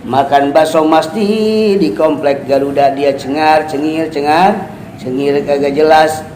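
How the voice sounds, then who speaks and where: Male teacher, talking slowly and chattily to students; echoey room, faint background noise. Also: a little high, darkish tone. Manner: chatty, asks "ya kan?" often, acts out quoted voices with laughs. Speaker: Islamic teacher giving a kitab study. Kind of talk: casual religious lesson to students.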